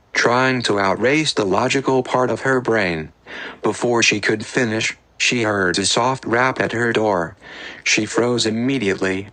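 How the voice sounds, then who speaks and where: A man reading a fan-fiction chapter aloud as an audiobook narrator, in a steady, plain delivery with occasional stumbles. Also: on the low side, no room sound, poor audio.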